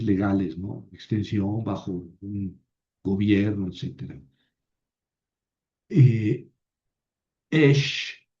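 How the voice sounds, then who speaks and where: A man teaching a grammar lecture slowly and step by step, often pausing on "eh" and checking in with "¿verdad?". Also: fairly low pitch, dark tone. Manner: slow and explanatory, with frequent "eh" and "¿verdad?". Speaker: Biblical Hebrew teacher. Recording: dull lo-fi recording.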